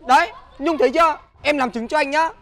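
A man's voice: extremely high pitch, fast, a bit bright. A man playing a bossy, hot-tempered young shop owner, with blustering, stammering threats, over crowd noise. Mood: defensive. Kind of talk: comedy sketch acting.

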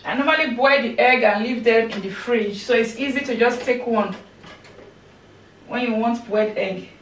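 Here's a thirtysomething cooking vlogger, fairly high-pitched and speaking at a normal speed, chatting away as she chops and cooks at home. The camera mic sits across the room, leaving the audio distant, echoey, and noisy.

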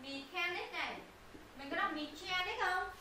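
A woman gives a live English pronunciation lesson, repeating words and quizzing her students on the answers. Her high-pitched voice is pushed and bright at a normal pace, recorded in an echoey room with faint noise.

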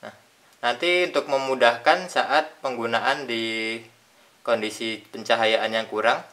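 In this hands-on unboxing, an Indonesian product reviewer, a young man, goes over a tool piece by piece at a table indoors. He talks in simple, step-by-step phrases broken by pauses, his mid-range voice bright, forceful, and even in tone.

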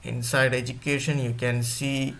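A man's voice: mid-range voice, level tone, gravelly, a bit bright. A male teacher giving an online class, talking to his students directly and repeating points often. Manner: slow, repetitive, addresses students directly.

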